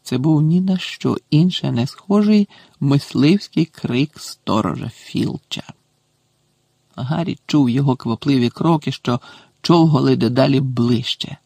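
A man reading an audiobook aloud with a measured, dramatic delivery. His voice is gravelly and slightly husky, at an ordinary pitch, and the recording is dry and close. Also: animated, darkish tone, dry recording. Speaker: narrator. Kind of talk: audiobook narration.

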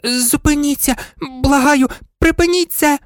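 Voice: high-pitched, measured pace, no room sound, studio quality, pitched above the performer's own voice. A narrator doing a pleading little rag dog. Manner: earnest, imploring. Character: small clever rag toy dog, polite and pleading.

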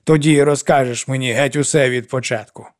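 A man's voice: medium pitch, steady tone, a little fast, natural voice. A man voicing an older woman who scolds and mothers a troubled girl in an audiobook. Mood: coaxing. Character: older woman, stern yet kindly widow.

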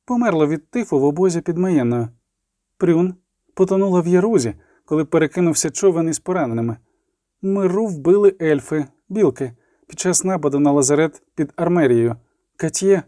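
A man reading an audiobook voices a quiet young female temple adept who speaks softly and earnestly. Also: a little high, lively intonation, a little fast, no room sound, clean studio sound, close to an everyday voice. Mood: somber. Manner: soft, earnest.

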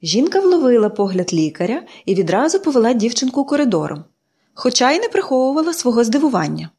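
A woman narrating an audiobook in a calm, measured reading voice. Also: a little high, breathy edge. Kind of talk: scripted narration.

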